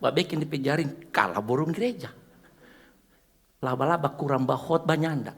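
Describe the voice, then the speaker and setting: A man preaching a church sermon, joking with the congregation and swinging from soft asides to loud exhortation. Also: on the high side, expressive, normal speed, slightly rough, big-room sound. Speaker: pastor.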